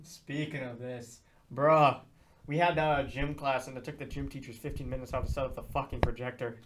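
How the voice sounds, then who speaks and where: A man's voice: medium pitch, steady tone, fairly quick, fairly bright tone, slight background noise. A teenage boy hosting a casual podcast, joking, swearing freely and laughing between lines. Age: teens. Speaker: podcast host. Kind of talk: casual chat. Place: indoors, in person with a co-host.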